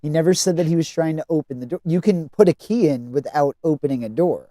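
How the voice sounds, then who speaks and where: A man serving as game master and narrating a tabletop game, deliberate and focused on the rules. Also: on the high side, dark tone.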